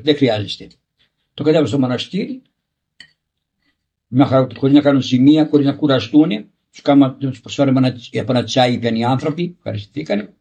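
A husky, mellow-toned older man, a monastery elder, telling a story from his own life. His voice sits a little high for a man, and he stumbles and restarts words as he goes, slipping into the voices of the people he quotes. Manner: halting, repeats and restarts words, acts out quoted dialogue. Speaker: monk elder. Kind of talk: recounting a personal anecdote.

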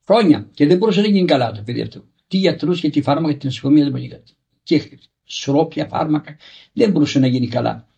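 A husky, mellow-toned older man, a monastery elder, telling a story from his own life. His voice sits a little high for a man, and he stumbles and restarts words as he goes, slipping into the voices of the people he quotes. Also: animated, lo-fi sound. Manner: halting, repeats and restarts words, acts out quoted dialogue. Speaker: monk elder. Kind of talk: recounting a personal anecdote.

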